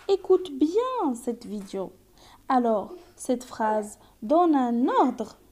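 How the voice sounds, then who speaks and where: A woman's voice: sits high, dark tone. A woman teacher giving a grammar lesson, explaining carefully and reading out example sentences.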